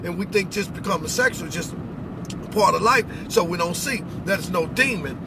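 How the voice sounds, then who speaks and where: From the cab of a very noisy vehicle, with road and outdoor sounds all around, a middle-aged American man shares informal spiritual guidance. His voice sits high, brisk and animated, as he instructs emphatically and keeps checking in with questions.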